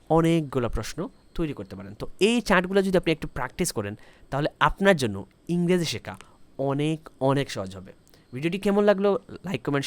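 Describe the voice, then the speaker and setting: A man teaching a spoken English lesson, explaining slowly and repeating each example sentence in both languages. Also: mid-range voice.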